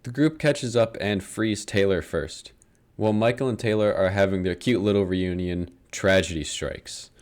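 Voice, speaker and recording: A young man with a lowish voice tells a book's story as comedy, dry and sarcastic, dropping swear words and chuckling at his own jokes. He reads from a script but keeps it loose and chatty. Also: moderate pace, slight background noise. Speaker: comedic book summarizer.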